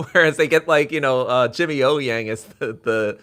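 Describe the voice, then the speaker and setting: A man's voice: medium pitch, measured pace, fairly bright tone. A man co-hosting a casual group podcast, talking in a blunt, cynical way. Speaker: podcast co-host.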